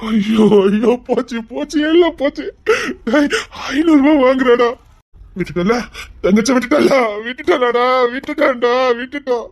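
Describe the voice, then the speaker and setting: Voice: high-pitched, moderate pace. A performer playing a grown brother, desperate and tearful, pleading again and again to bring his sister home, with a Tirunelveli Tamil accent. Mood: frantic. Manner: pleading, tearful, repeats himself. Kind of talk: emotional web-series acting.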